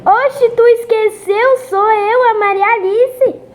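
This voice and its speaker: A woman voicing her chirpy young girl cousin, reading chat lines in a high sing-song way. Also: fairly even intonation, slow. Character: chirpy girl cousin reminding who she is.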